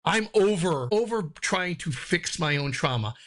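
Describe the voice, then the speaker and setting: A man's voice: high-pitched, lively intonation, measured pace, a bit bright. A man from New Jersey, a podcast guest talking candidly in a loose, rambling way, swearing freely. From New Jersey, United States. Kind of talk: candid conversational interview.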